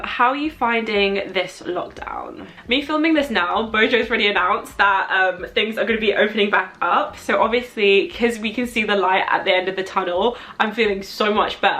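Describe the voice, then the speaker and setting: A woman's voice: mid-range voice, fairly bright tone. A young adult woman with a London accent chatting casually as she answers viewer questions, thinking aloud in a rambling way with frequent asides. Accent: London English. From London, England.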